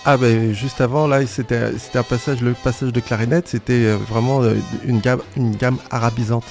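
A man's voice: mid-range voice, little pitch movement, normal speed. A man talking casually and enthusiastically about music on the radio. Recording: loud music behind.

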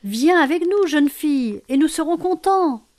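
A woman's voice: a little high, animated, measured pace, darkish tone, pitched above the performer's own voice. A woman voicing a band of little male dwarfs who chant in a sing-song way in a storybook. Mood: mocking chant.

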